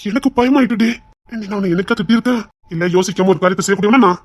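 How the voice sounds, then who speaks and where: A contrite young husband, voiced by a woman, pleads in a Tirunelveli Tamil accent, piling up quick apologies and soft coaxing. The delivery is fast and close, with almost no room sound. This is web-series drama acting. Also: mid-range voice, no room sound, natural voice. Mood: firm tender. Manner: pleading, repeats apologies rapidly. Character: young husband, remorseful and tender.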